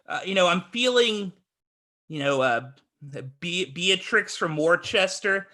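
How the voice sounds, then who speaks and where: Guy doing improv on a video call, bright sharp voice, halting and melodramatic. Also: high-pitched, lively intonation. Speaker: improv co-host. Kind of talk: improvised comedy scene. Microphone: home video call.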